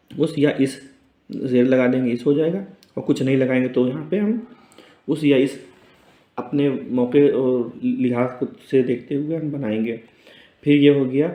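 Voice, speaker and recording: An Urdu teacher with a mellow, mid-range voice patiently explains letters on a board in a casual spoken lesson. He repeats words slowly and checks in with "theek hai," and the room has an echo.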